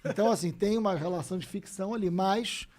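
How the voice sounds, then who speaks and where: Fast-talking Rio man, high and mellow. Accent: Rio de Janeiro Portuguese. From Brazil. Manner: animated, swears freely, acts out quoted dialogue. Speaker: guest. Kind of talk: casual podcast storytelling.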